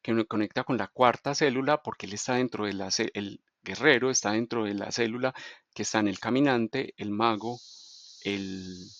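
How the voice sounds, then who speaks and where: A middle-aged man giving an explanatory lesson at a board, speaking in a measured way and often checking in with his listeners. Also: lowish voice, fairly bright tone, no room sound, lo-fi sound. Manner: measured, checks in with frequent rhetorical questions. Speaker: teacher of Mayan calendar.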